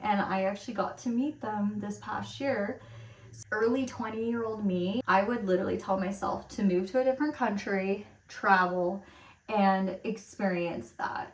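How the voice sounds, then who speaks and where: A woman in her thirties chatting casually while getting ready, rambling with lots of fillers, recorded at home. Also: medium pitch. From Romania, raised in America. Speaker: lifestyle vlogger. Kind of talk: casual get-ready-with-me chat. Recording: roomy echo, mic at a distance.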